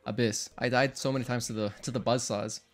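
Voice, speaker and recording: With a steady tone at medium pitch, a young man speaks fairly quickly as he livestreams a speedrun, casually chatting with his audience, wandering off topic, and revising sentences midway. Faint game music sits in the background.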